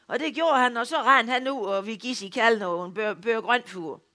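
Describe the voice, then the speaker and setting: A man telling a comic first-person story as a rustic, bumbling fellow who is loud and hard of hearing. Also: very high voice.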